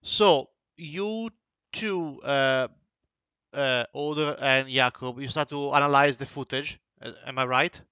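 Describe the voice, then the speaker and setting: A man with a bright, smooth voice narrates as game master of a tabletop game. He speaks slowly and hesitantly, with many fillers and restarts. The sound is dry, dull and lo-fi. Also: medium pitch, dry recording.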